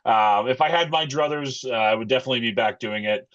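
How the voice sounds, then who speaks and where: A middle-aged man talking casually as an interview guest, in a halting, thoughtful, conversational way. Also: mid-range voice, fairly bright tone, lo-fi sound. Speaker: interview guest, pro wrestler and wrestling coach.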